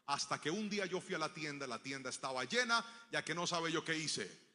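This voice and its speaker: A man's voice: a little high, expressive, a little fast, pushed and bright, big-room sound. A man preaching a sermon, telling a personal story and acting out the dialogue in it before building to emphatic preaching.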